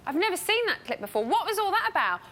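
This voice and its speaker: Lively high-voiced woman hosting a panel. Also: quick pace. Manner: chatty, teasing, laughs often. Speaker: host. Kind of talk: live TV panel chat.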